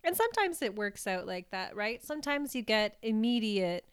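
A woman's voice: on the high side, big pitch swings, moderate pace, clear, resonant tone, dry recording, clean studio sound. A young woman from Canada co-hosting a podcast, chatting casually with a laugh and plenty of "like". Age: young adult. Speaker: podcast co-host. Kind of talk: casual chat.

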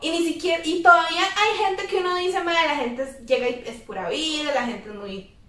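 A young woman with a Costa Rican accent trades stories in casual chat, laughing and slipping English phrases into her sentences. Her voice sits high. The mic is set back from her, so she sounds distant, with a roomy echo around her. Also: a little fast, bright, forceful tone. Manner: laughing, Spanish-English code-switching slang. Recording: echoey room, far from mic.

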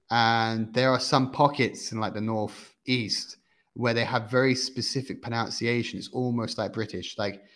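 A man with a somewhat low voice talks casually on a film podcast. He is hesitant and searches for his words, filling the gaps with "uh" and "um". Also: a bit bright. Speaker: podcast co-host. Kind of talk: casual film review chat.

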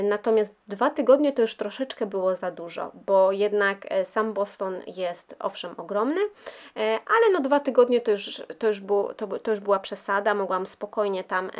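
Young woman chatting on a podcast, lots of ums and restarts, mid pitch. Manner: chatty, many fillers and restarts. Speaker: podcast host. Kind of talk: casual travel podcast chat.

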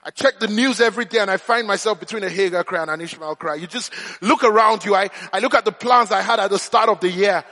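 Man, preacher, sermon, high voice, sharp tone, impassioned rhetorical questions. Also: quick pace, hardly any pauses. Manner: impassioned, rising to shouted appeals.

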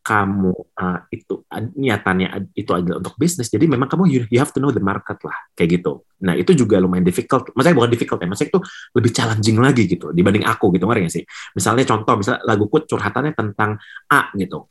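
A man's voice: fairly low pitch, animated, quick pace, breathy edge. A young man, a musician guest, chatting casually in an interview, hesitant with many fillers and restarts and English words mixed in. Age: young adult.

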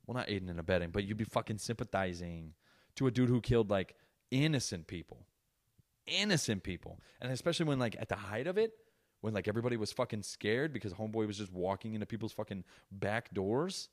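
Profane young man ranting on a podcast. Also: fairly low pitch. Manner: profane, animated, loud bursts of mock outrage. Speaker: podcast host. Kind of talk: casual comedic rant.

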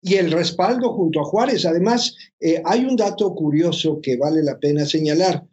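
A person adding history facts calmly. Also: medium pitch, moderate pace, highs cut off. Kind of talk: casual conversational history talk.

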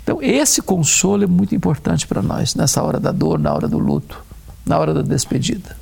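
Gravelly preacher, measured delivery. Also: male voice, fairly high pitch, animated, a little mellow. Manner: measured, slows down to stress key words. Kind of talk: conversation on faith and grief.

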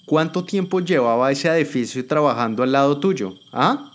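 A man's voice: mid-range voice, lively intonation, normal speed, voice pushed up, close to an everyday voice. A man voicing a frightened, captive woman adviser who protests and pleads, in a dramatic spoken story. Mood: pleading. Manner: pleading, indignant.

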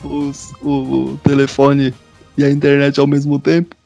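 A man's voice: mid-range voice, monotone, moderate pace, over music. A Brazilian man in casual, conversational football chat as a show host.

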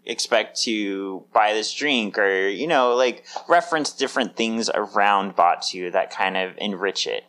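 Low-voiced man in a chatty podcast. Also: unhurried, hardly any pauses, slight background noise. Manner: laughs often, animated bursts of excitement. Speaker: podcast co-host. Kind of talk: casual chat.

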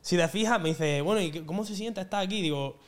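Young guy, guest spot: rapid, slightly high voice, slangy and animated. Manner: animated, slangy, acts out quotes. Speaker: guest singer. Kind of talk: casual podcast storytelling.

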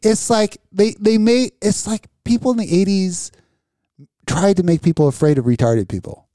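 A man's voice: high-pitched, moderate pace, mellow, dry recording, clean studio sound. A man co-hosting a podcast in crude, casual chat, ranting with lots of swearing and laughing often. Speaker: podcast co-host.

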